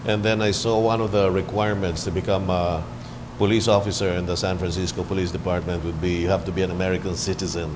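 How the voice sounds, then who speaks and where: A man's voice: low-pitched, level tone, fast talker, few pauses, background noise. A man from the Philippines hosting a cable TV interview, chatty and joking, with many fillers. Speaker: TV talk show host.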